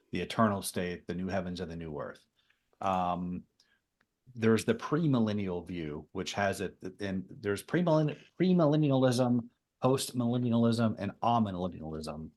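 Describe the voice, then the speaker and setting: A man co-hosting a podcast, explaining theology in a relaxed, conversational way with frequent ums. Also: low-pitched. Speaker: podcast co-host. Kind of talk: casual theology podcast discussion.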